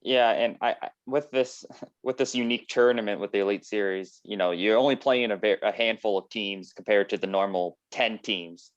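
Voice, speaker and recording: A man's voice: fairly low pitch, moderate pace, clear, resonant tone, no room sound. A man working as an interviewer, asking questions in a casual, conversational style. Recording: dull lo-fi connection, dry.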